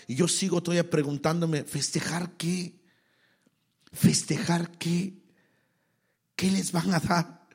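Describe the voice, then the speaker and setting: Husky-voiced Mexican pastor preaching. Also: male voice, a little high, little pitch movement, slow, pauses often. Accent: Mexican Spanish. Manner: impassioned preaching, swings between loud exhortation and quiet asides. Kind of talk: sermon.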